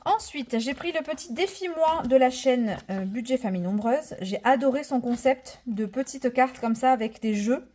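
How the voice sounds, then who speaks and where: A woman's voice: high voice, animated, moderate pace, few pauses, mellow, slight background noise. Chatty woman in her thirties vlogging. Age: 30s. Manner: chatty and enthusiastic, many fillers, counts money aloud. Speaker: budget vlogger. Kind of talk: casual budgeting vlog narration.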